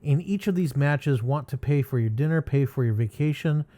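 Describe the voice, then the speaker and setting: A man's voice: mid-range voice, normal speed, warm tone. Rambling male host with a mid-range voice. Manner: rambling and hesitant, with many fillers and sighs. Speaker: channel host reading viewer comments. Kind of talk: casual commentary on viewer comments.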